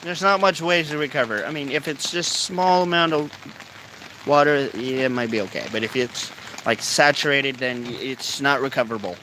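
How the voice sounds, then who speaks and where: A man's voice: medium pitch, normal speed, pushed and bright, poor audio. Laid-back stoned man rambling outdoors in rain. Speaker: vlogger. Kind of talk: casual rambling chat to camera. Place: outdoors in rainy, cold weather. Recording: faint rain noise outdoors. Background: light rain.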